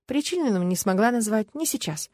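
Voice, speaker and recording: A woman reading an audiobook, voicing a calm, careful young woman who asks measured questions. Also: on the high side, dry recording.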